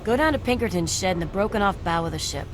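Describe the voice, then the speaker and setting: Brusque, scornful actress as barkeep Belle Bonnie. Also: female voice, mid-range voice, animated, fast talker, noisy background, close to an everyday voice. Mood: irritated, scornful. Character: surly, foul-mouthed woman bar owner. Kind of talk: video game dialogue.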